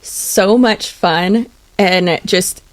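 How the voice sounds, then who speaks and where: A woman's voice: on the low side, very slow. A woman co-hosting a podcast in casual chat, telling stories and laughing often. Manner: chatty storyteller, laughs often. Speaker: podcast co-host.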